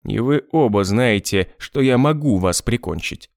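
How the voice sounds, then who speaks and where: A man's voice: mid-range voice, expressive, measured pace, creaky, a little mellow, no room sound, studio quality. A man voicing a hardened male killer who talks in curt, clipped lines. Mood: menacing.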